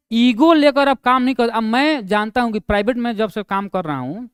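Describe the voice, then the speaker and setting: High-voiced chatty male teacher. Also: moderate pace, clean tone, no echo, studio quality. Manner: chatty, laughs at his own stories, drops to a low mumble for quoted asides. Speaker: online exam-prep teacher. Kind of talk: casual classroom storytelling.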